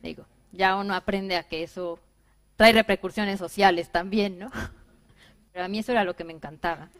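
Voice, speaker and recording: Woman, thirties, keynote speaker, lively storytelling, mid-pitched voice, conference room. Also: normal speed. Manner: lively storytelling, acts out her own past remarks. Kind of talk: personal keynote talk. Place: bright conference room with seated audience.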